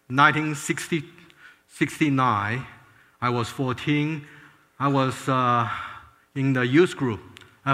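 An older man from Taiwan tells his life story with earnest warmth. His voice is bright and forward, with frequent restarts. Behind him, a long hall reverb hangs after each phrase. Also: medium pitch. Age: 60s. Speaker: former space scientist giving a testimony. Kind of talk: personal testimony talk.

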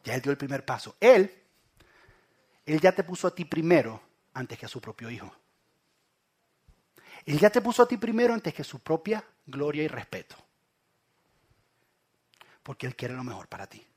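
A man preaching a sermon, swinging from loud calls to hushed, low lines. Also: sing-song, moderate pace, long pauses, slightly rough. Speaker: pastor.

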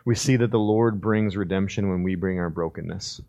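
A male pastor preaching a sermon, swinging between loud, fervent stretches and hushed, drawn-out emphasis, and acting out the voices of biblical figures as he retells the story. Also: sits low, muffled recording.

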